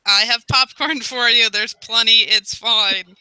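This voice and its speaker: A woman's voice: a little high, steady tone, unhurried, noisy background. A woman playing a tabletop role-playing game, speaking in a placating, matter-of-fact way. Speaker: player.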